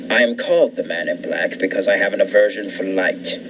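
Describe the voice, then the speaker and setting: Man acting as sinister 1940s radio host, haughty, ominous, deliberate, theatrical, distant noisy recording. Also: low voice. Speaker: radio thriller narrator. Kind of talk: 1940s radio suspense narration.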